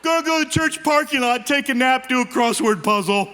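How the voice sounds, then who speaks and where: Male comic as a bored, sleepy older empty-nester, high bright voice, stand-up act-out, plain listing. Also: brisk. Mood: bored, content.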